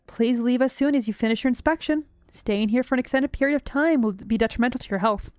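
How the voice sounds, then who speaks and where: A woman's voice: on the high side, fast talker, darkish tone, no echo, studio quality, close to an everyday voice. A woman reading the lines of a curt, formal male official in a game story.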